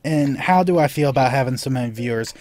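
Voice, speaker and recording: A young Korean-born man hosts a gaming channel's live gameplay Q&A, answering viewer questions in a rambling way full of "you know"s and restarts. His voice is medium-pitched, quick, and somewhat dark in tone.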